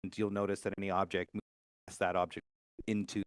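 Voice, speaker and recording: A man's voice: low voice, level tone, fast talker, clean tone, no echo. A man in a casual online panel debate, talking through a headset that keeps cutting out, so his volume jumps and words drop away as he walks through a practical example. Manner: explaining step by step with a practical example. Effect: breaking-up mic, volume jumping up and down, words dropping out.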